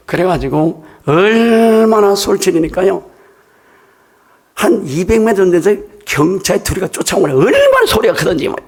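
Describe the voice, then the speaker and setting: A man's voice: high voice, very animated, unhurried, pauses often. An older man, a pastor, preaching a sermon in a church in a conversational, emphatic storytelling way.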